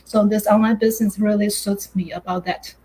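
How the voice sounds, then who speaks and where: A woman's voice: medium pitch, steady tone, fairly quick, dark tone, a little hiss or hum, poor audio. A middle-aged woman from Taiwan, hosting a live online chat over a video call in a chatty, hesitant way, full of "uh" and "you know". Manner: chatty, hesitant, with many fillers. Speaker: host.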